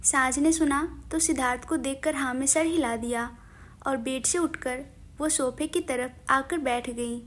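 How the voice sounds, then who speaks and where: A woman with a high, light voice narrates a romantic audio story. Her telling is gentle and expressive, scripted and steady as she moves the tale along. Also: measured pace.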